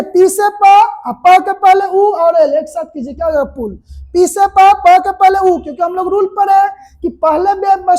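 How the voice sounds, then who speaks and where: A woman shorthand teacher with a Hindi accent, giving a classroom lecture and explaining step by step while asking her students quick questions. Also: very high-pitched, darkish tone. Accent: Indian Hindi.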